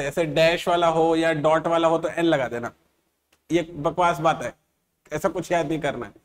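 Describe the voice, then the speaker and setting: A man teaching an exam-prep English grammar lesson, sounding out letters and words slowly and checking often that his students follow. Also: on the high side.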